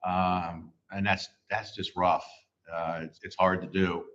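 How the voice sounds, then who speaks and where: A man's voice: low voice, little pitch movement, slow pace, a bit bright. A middle-aged man hosting a livestream, chatting casually about viewer comments and rambling with many fillers. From United States. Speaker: livestream host. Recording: slightly dull livestream audio.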